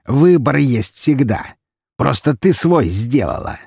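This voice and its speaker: A man's voice: medium pitch, lively intonation, slow, vocal fry, a little mellow, husky, no room sound, studio quality, voice pushed up, heavily acted. A man voicing a cruel, menacing nobleman who snarls harsh threats and drags out his words. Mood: raging. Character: cruel menacing nobleman count, brutal and cold.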